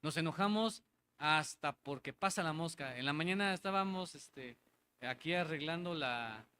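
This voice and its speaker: A man delivers a sermon, his voice pitched a bit above most men's. He talks conversationally, repeats lines for emphasis and keeps asking the congregation if they follow. A faint hum of the room sits behind him. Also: animated, moderate pace, sharp tone. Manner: conversational, asks the congregation for agreement. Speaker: preacher. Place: church hall.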